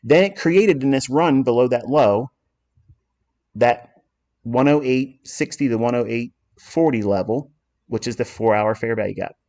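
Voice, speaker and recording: A trading educator walks through charts in a lesson, bluntly and confidently explaining material he authored. His mid-range voice is a little slow and somewhat mellow.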